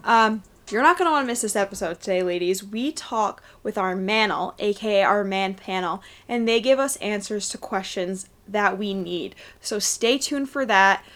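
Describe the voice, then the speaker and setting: A woman's voice: mid-range voice, moderate pace, few pauses, a bit bright. A woman hosting a casual chat podcast, chatty and laughing often, recorded live in a busy room. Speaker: podcast host. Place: busy room at a live pre-game party. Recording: noisy room.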